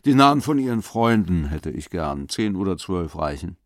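A man voicing a pushy, prying older investigator who talks fast and insistently. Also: low-pitched, very animated, no room sound, studio quality. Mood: probing.

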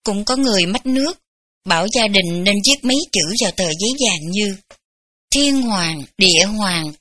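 Bright-voiced woman reading a memoir. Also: medium pitch, expressive. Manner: gentle, unhurried storytelling with light laughs. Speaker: audiobook reader. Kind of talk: memoir read aloud.

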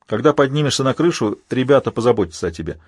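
A man's voice: mid-range voice, fast, dry recording, studio quality, natural voice. A man voicing a stern male marine who speaks curtly and steadily in an audiobook. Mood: calm. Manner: curt and steady.

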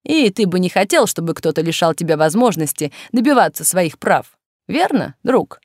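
A woman's voice: fairly low pitch, very animated, moderate pace, dry recording, studio quality. A woman voicing a male strike leader who talks earnestly and persuasively to a fellow worker. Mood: persuading. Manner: pleading, persuasive, direct.

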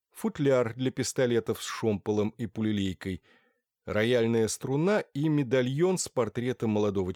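A man narrating an audiobook in an even, measured storytelling manner. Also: mid-range voice, no echo, clean studio sound. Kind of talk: scripted narration.

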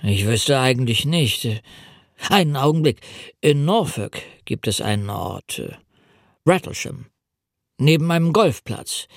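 A man's voice: mid-range voice, expressive, measured pace, vocal fry, no echo, clean studio sound. A man reading the lines of a deferential old coastguard who answers politely and ponders aloud.

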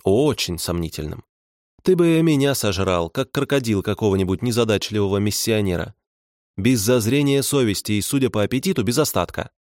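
A man's voice: lowish voice, brisk, a little mellow, dry recording, studio quality, natural voice. A man voicing a prissy, sardonic middle-aged swindler who speaks through clenched teeth. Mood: sneering, sardonic.

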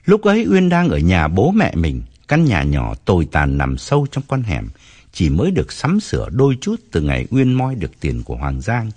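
A man narrating an audiobook story with expressive storytelling. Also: low-pitched, normal speed.

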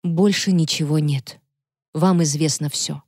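A woman reading the lines of a worried mother in an audiobook, quiet and pleading. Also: medium pitch, moderate pace, no room sound, clean studio sound, natural voice. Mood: anxious. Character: worried mother of an accused man.

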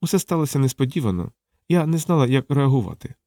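A man's voice: medium pitch, sing-song, fast talker, warm tone, no echo, clean studio sound, pitched above the performer's own voice. A man voicing a blunt, fierce young woman soldier who talks in terse, clipped lines. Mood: hushed.

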